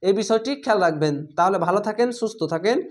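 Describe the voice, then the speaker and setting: A woman with a Bangladeshi Bengali accent leads an online recitation lesson. She speaks patiently at a middle pitch and repeats each letter sound slowly, one example after another. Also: a little mellow. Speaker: Quran reading teacher.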